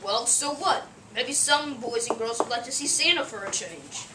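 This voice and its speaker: Woman voicing a blustering old Santa with a cold, high-pitched, echoey room, distant mic, background noise. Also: normal speed, lightly acted. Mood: grumpy. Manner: blustering, indignant, sneezing. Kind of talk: amateur play reading.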